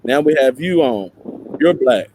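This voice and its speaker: A male talk show host with an East Tennessee Appalachian twang. He chats casually in a folksy manner, pausing and correcting himself as he works toward his point. His pitch sits in a middle range for a man. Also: animated, darkish tone, a little hiss or hum, poor audio.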